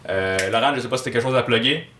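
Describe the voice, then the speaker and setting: A man's voice: mid-range voice, rapid-fire, sharp tone, a little hiss or hum. A man with a Quebec French accent hosting a podcast, rambling casually with lots of fillers and laughs. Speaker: podcast host. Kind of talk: casual chat.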